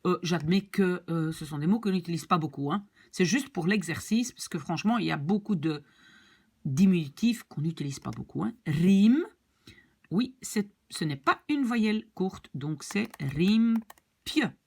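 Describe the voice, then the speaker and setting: A woman's voice: on the low side, animated, measured pace, a little mellow, husky. A woman teaching a language lesson, patiently going over rules, repeating key points and checking that her students follow. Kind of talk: explanatory lesson.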